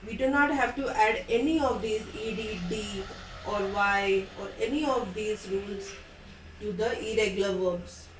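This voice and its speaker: A woman teaching English grammar, explaining each rule slowly and spelling out letters and endings. She speaks at a middling pitch, recorded from a distance in a room with a noticeable echo and faint background hum. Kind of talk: grammar lesson. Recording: echoey room from a distant mic.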